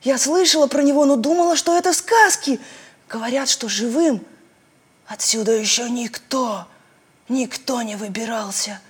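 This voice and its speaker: A woman voicing a gentle, thoughtful female cow with a soft way of talking. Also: sits high, brisk, hardly any pauses, voice pushed up, natural voice.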